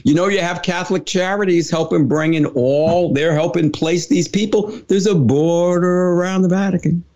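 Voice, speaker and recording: A man hosting a talk show, asking questions in an animated, incredulous way. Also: sits high, normal speed, few pauses, dull audio. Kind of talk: conversational interview.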